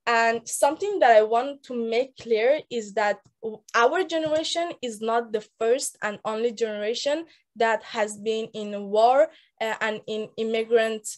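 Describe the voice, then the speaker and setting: Nineteen-year-old woman with a Persian accent. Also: fairly high pitch. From Afghanistan, raised in Iran. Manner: earnest, halting, with many restarts. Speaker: speaker on a mentorship call. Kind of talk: personal story talk on a group call. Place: indoor room. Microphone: laptop webcam on a video call.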